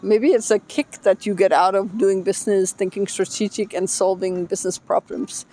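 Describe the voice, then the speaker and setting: A middle-aged woman from Denmark, a business consultant, answering interview questions thoughtfully with many pauses and fillers, outdoors by the beach. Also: medium pitch, fairly even intonation, warm tone. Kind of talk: casual interview.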